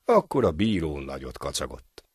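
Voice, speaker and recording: A male storyteller narrating a folk tale in an animated, homespun way. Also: extremely low pitch, slightly rough, no room sound, studio quality.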